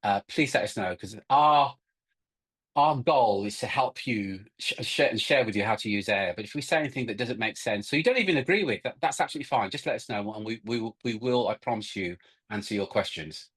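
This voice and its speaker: Middle-aged male webinar co-host, husky tone, emphatic delivery with frequent restarts. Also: fairly low pitch, expressive, brisk, a bit bright. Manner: emphatic, repeats words, restarts often. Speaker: co-host of recruiting workshop. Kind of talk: webinar presentation.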